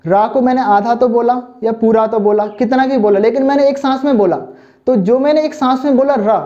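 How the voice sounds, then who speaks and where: Speaking in an extremely high but mellow voice, a male Hindi teacher runs an online exam-prep class. Calling his students children with fondness, he constantly checks in with "thik hai" and "samajh mein aaya na." Sound quality is lo-fi, dull and muffled.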